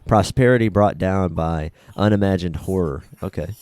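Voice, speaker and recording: A man's voice: sits low, moderate pace, darkish tone, no room sound. A man co-hosting a casual podcast chat, reading out game blurbs in a dry, dismissive way. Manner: dry and dismissive, skims text aloud. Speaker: podcast co-host.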